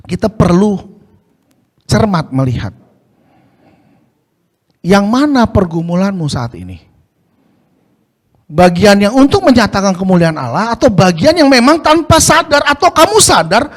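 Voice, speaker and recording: A man's voice: sits high, fairly bright tone. A male pastor preaching a casual slang sermon, asking the congregation rhetorical questions.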